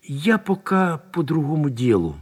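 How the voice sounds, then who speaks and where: A man's voice: mid-range voice, big pitch swings, moderate pace, slightly rough. A man doing a stern young army lieutenant. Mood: hesitant. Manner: clipped orders, then soft hesitant speech.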